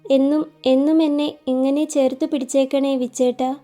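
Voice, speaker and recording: A woman narrator voicing a tender young woman in love, soft and pleading. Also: high voice, little pitch movement, moderate pace, soft background music, natural voice. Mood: tearful pleading.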